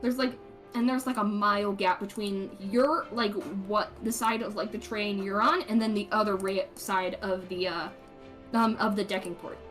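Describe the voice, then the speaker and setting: A woman's voice: medium pitch, normal speed, a bit bright, faint music behind. A woman running a tabletop game as game master, narrating casually and rambling through her scene descriptions. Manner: rambling, many fillers and restarts.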